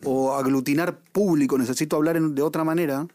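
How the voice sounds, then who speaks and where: A man from Argentina with an Argentine accent, co-hosting a casual podcast chat with halting restarts. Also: on the high side, fairly even intonation, darkish tone, no room sound, clean studio sound. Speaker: podcast co-host.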